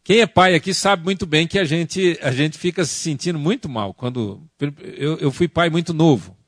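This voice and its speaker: A man with a Brazilian Portuguese accent giving a lively church workshop talk on family, asking the audience questions and acting out family arguments. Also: a little high, normal speed, no room sound, clean studio sound. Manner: animated, acts out quoted family arguments. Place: church conference hall.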